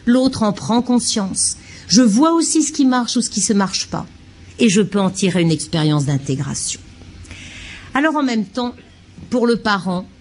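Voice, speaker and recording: A woman's voice: mid-range voice, darkish tone, slight background noise. A child psychiatrist giving a lecture to childcare staff, a woman who talks expressively and acts out short examples.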